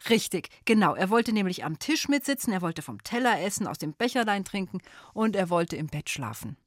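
A woman's voice: medium pitch, very animated, fairly quick, no echo, clean studio sound. A woman hosting a children's call-in quiz on the radio, friendly and encouraging with young callers. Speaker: radio show host.

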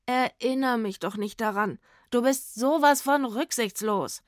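A woman's voice: medium pitch, animated, normal speed, no echo, studio quality, natural voice. A woman doing a cheeky, whiny young vagabond man. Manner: loud, whiny and theatrical. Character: cheeky, grumpy, always-hungry young male vagabond trombonist.

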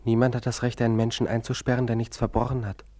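A man's voice: fairly low pitch, moderate pace, long reverb tail, close to an everyday voice. A man playing a troubled young man held in a sanatorium, intense and bitter toward his doctor in a German radio play. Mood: defiant. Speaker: patient confined to a sanatorium.

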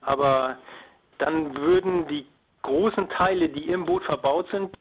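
Over a dull, band-limited telephone line, a man explains things as an expert guest in a phone interview; he is a submarine engineer and former pilot. His voice is a little high, husky, and unhurried.

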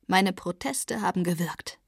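A woman reading the part of a defiant, cheerful young man who scoffs at authority, in a breathy voice. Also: lowish voice, animated, a little slow, no echo, clean studio sound, full character voice. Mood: triumphant. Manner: jubilant, unbothered by authority.

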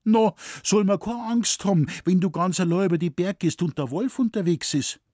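Casting: male reader doing a young village girl, higher and eager, slightly husky. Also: lively intonation, a little slow, darkish tone, no echo, clean studio sound. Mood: earnest.

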